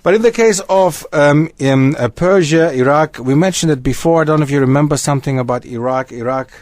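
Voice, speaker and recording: A man who grew up in Germany, a guest historian on a radio talk show, lecturing in an animated way that wanders from point to point. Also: a little high, fairly quick, no room sound. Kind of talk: radio discussion. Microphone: studio microphone.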